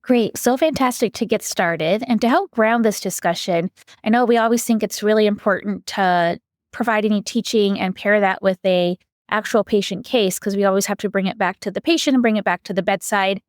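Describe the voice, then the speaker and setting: A woman's voice: mid-range voice, fairly quick, no echo, clean studio sound. A woman laying out a lesson plan. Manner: organized, lays out a roadmap step by step. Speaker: podcast co-host, physician. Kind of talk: medical education podcast.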